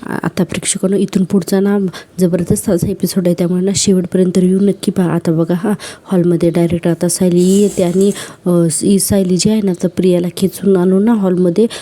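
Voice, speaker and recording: A woman narrates an episode recap of a television serial, retelling each scene in order and turning to her viewers now and then. Her voice is very dark and mellow, and her pitch barely moves, so the recap comes out flat and even. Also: a little fast. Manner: retells scenes step by step, addresses viewers directly.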